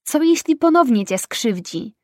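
A woman's voice: high voice, big pitch swings, unhurried, a little mellow, dry recording, clean studio sound. Woman voicing an urgent, protective best friend. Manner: urgent, insistent. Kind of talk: audiobook dialogue.

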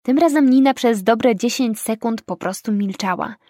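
Higher-voiced woman reading a novel. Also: moderate pace, mellow, no room sound, studio quality. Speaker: audiobook narrator. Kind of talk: first-person scripted narration.

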